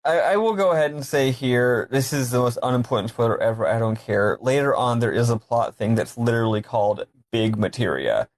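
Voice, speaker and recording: A man's voice: mid-range voice, a little fast, few pauses. A man co-hosting a casual game discussion, talking informally and emphatically with some swearing. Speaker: podcast co-host.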